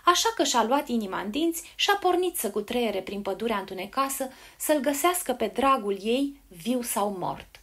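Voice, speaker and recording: A woman narrating a fairy tale in an expressive storybook reading. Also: on the high side, few pauses.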